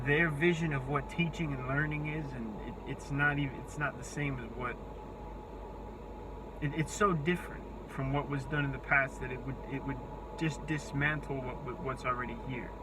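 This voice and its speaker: A man in his twenties with a thin, squeaky voice, talking off the cuff in a halting, rambling way as he searches for words. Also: steady tone, noisy background. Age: 20s. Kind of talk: unscripted monologue to camera.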